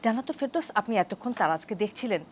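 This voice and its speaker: A woman hosting a studio TV talk show, moving the panel along briskly and addressing each guest by name. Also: on the high side, lively intonation, a little hiss or hum.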